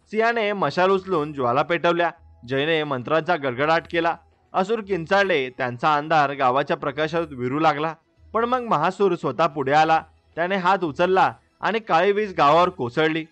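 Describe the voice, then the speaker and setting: A man's voice: a little high, fairly bright tone. A man narrating a devotional story in a dramatic, scripted storyteller style.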